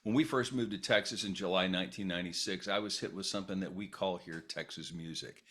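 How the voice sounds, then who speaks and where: A man's voice: deep voice, fast talker, a bit bright. A middle-aged man hosting a podcast who asks long, winding follow-up questions and adds his own stories. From United States. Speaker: podcast host. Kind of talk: casual interview.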